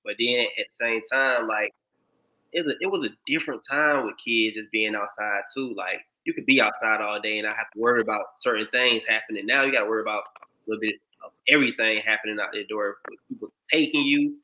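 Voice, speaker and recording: A man's voice: fairly low pitch, fast, pushed and bright, muffled recording. A man co-hosting a podcast, talking in an easygoing, slangy way and calling people "bro.". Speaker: podcast co-host. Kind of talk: casual podcast conversation.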